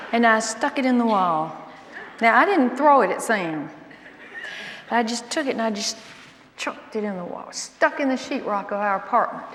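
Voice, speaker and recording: A woman in her sixties with a Southern American accent tells stories from her own life in a folksy, animated teaching style. Her voice sits a touch high. It rings through a large hall with a long, echoing tail. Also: slight background noise. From Alabama. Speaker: Bible teacher. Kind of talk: storytelling talk. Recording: echoey hall with long reverb.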